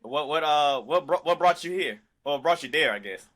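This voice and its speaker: A man's voice: fairly high pitch, lively intonation, normal speed, fairly bright tone. A man hosting a casual interview over a video call, laid-back and slangy, with many fillers. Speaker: podcast host.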